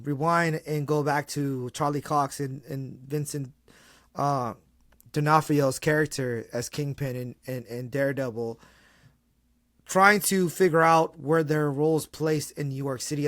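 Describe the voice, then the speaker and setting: Hyped-up guy chatting about a show, slangy, kinda high voice, dry close mic. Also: unhurried, no room sound. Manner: excitable, slangy, restarts a lot. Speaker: podcast co-host. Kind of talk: casual fan chat.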